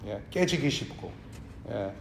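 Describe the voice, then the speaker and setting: A man preaching a sermon to his congregation in a church, talking in a conversational way and sometimes dropping to a hush. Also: lowish voice, lively intonation, slow pace, creaky, a little hiss or hum. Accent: Korean with English words mixed in. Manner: conversational preaching, drops to a hush for tender lines. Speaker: pastor. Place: church sanctuary. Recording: echoey church hall.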